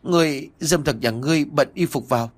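A man's voice: medium pitch, quick pace, lightly acted. A man voicing a fierce, proud young swordswoman who speaks coldly and scornfully, in a storybook reading. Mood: furious. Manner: cold, scornful, shouting in anger.

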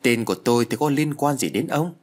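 Defiant young male ghost, possessive and mocking, voiced by a male narrator, husky tone. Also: mid-range voice, animated, a little fast, close to an everyday voice.

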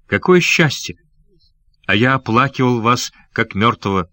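A man's voice: mid-range voice, lively intonation, normal speed, bright, forceful tone, dry recording. A man reading an audiobook, voicing a wounded, loyal grown pirate who speaks with emotion. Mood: overjoyed. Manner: emotional, broken-voiced.

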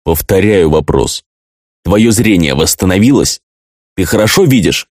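A merciless young male avenger, as the audiobook reader voices him, cold and unhurried. His low voice stays flat and detached, never rising. Close, dry studio sound. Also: dry recording.

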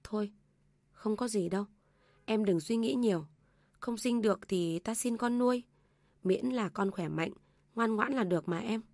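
A woman's voice: mid-range voice, normal speed, long pauses, darkish tone, no echo, close to an everyday voice. Female narrator doing a troubled young husband in a storybook, restrained, dry close voice. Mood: tender. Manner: restrained, then raising his voice. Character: young husband torn between mother and wife.

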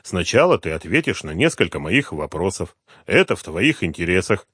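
A man doing a calm, ironic tough guy. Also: deep voice, moderate pace, husky, dry recording, studio quality, heavily acted. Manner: calm, level, dryly ironic. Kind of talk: audiobook character voice.

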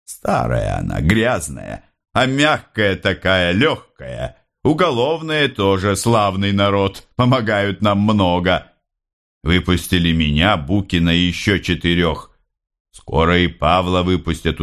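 A man voicing a warm, outspoken young male revolutionary in an easy, talkative and friendly way. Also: deep voice, heavily acted.

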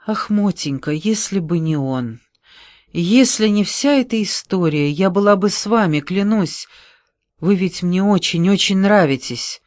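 A man's voice: high voice, lively intonation, measured pace, dry recording, studio quality, voice pushed up. A man reading an audiobook, voicing a desperate, tearful young woman in a raised, pleading voice.

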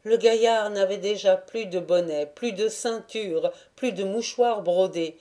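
A woman narrating a classic novel as an audiobook in a measured, deliberate reading. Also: mid-range voice, mellow.

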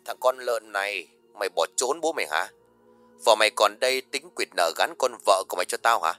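A man voicing a brutal male loan shark gangster who makes fast, low, growled threats. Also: level tone, bright, forceful tone, clean tone, soft background music. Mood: menacing.

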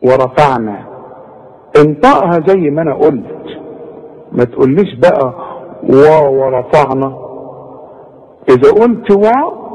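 A man's voice: fairly high pitch, a little mellow, slightly rough, low-quality recording. Egyptian man coaching Quran recitation. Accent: Egyptian Arabic. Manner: models recitation slowly, syllable by syllable, in drawn-out demonstrations; direct, colloquial coaching aimed at the student. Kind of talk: Quran tajweed lesson.

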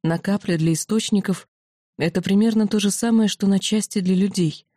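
A woman narrating a first-person fantasy novel in a steady, quietly dramatic way. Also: mid-range voice, moderate pace, dry recording, clean studio sound. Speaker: audiobook narrator.

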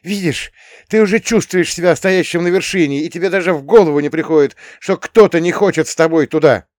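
A man voicing a tearful, angry teenage girl who is breaking up with her boyfriend and shouting at him. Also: a little fast, dry recording, clean studio sound, natural voice. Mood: reproachful. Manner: shouting, high-pitched.

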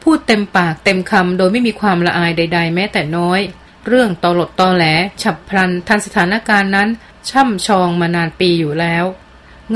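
Female audiobook narrator, steady and expressive, mid-pitched.

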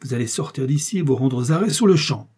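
A man's voice: mid-range voice, lively intonation, quick pace, darkish tone, slightly rough. A man reading aloud voices a haughty English duke in an audiobook, exclaiming in indignant outrage.

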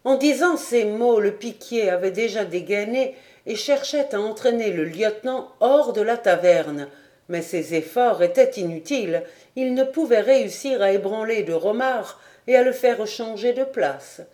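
A woman's voice: mid-range voice, expressive, a little slow, dark tone. Woman narrating a storybook. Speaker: audiobook narrator. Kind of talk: scripted narration.

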